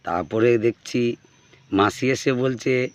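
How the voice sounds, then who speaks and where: Animated man telling a comic tale. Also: mid-range voice, slow pace, dry recording, highs cut off. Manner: animated, addresses listeners directly with appeals to listen. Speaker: comic storyteller. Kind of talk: humorous first-person monologue to an audience.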